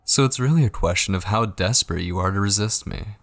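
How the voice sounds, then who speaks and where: In an ASMR audio roleplay, a man plays an obsessive, possessive kidnapper, seductive, menacing and pleading, coaxing in a gravelly, breathy voice that often drops to whispers. His voice is on the low side, fairly quick and fairly bright, with no echo, and his mood is taunting and menacing.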